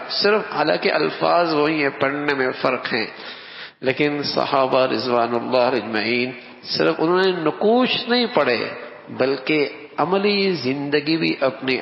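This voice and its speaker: Gravelly preacher in an echoey hall. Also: male voice, fairly high pitch. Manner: emphatic, repeats key phrases; recites Arabic quotations slowly. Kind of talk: sermon. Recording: echoey hall, dull lo-fi sound.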